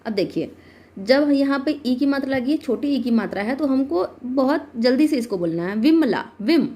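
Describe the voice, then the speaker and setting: Patient woman teacher spelling syllables slowly. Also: high-pitched, lively intonation, warm tone. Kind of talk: slow syllable-by-syllable reading lesson for children.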